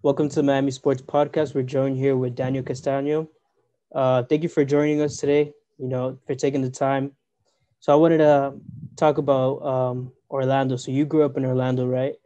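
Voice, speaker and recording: Flat-voiced young podcast host. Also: male voice, mid-range voice, normal speed, faint music behind. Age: 20s. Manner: eager, informal, many likes and ums. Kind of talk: casual interview.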